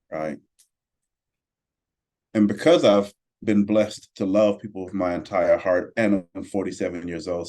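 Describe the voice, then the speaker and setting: A man in his forties on a podcast, speaking in an earnest, reflective, measured way. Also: low voice, warm tone. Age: 40s. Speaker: podcast co-host.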